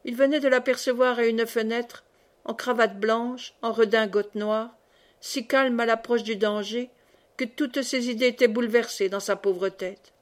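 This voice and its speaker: A woman narrating a classic novel as an audiobook, with a measured, expressive reading. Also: a little high. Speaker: audiobook reader. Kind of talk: scripted narration.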